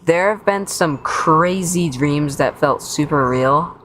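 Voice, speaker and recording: A woman's voice: low voice, slow pace, a bit bright, slight background noise. A woman streamer giving casual, wisecracking live commentary while reacting to a video. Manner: wisecracking, incredulous, slangy.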